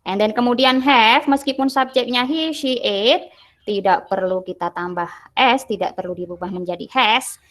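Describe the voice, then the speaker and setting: Slow, patient Indonesian woman teacher. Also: fairly high pitch, a bit bright. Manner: explains patiently, translating each English phrase into Indonesian. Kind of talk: online English lesson explained in Indonesian.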